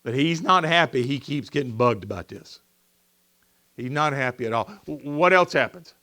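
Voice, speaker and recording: In a church sanctuary, a male pastor preaches a sermon in a mid-range voice at normal speed. He's animated, asking the congregation questions and acting out the voices of people in the story.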